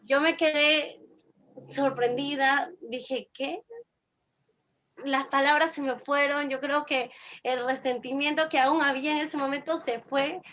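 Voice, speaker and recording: A woman's voice: sits high, steady tone, measured pace, a bit bright, dull audio, slight background noise. A woman with a Peruvian accent giving an earnest religious personal testimony, repeating phrases for emphasis. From Peru.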